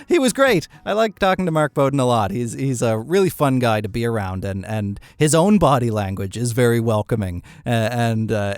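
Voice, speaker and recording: A man's voice: mid-range voice, smooth, dry recording, studio quality. A man with a Maritime Canadian accent hosting a podcast in a casual, chatty, self-deprecating way. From Cape Breton, Canada. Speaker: podcast host.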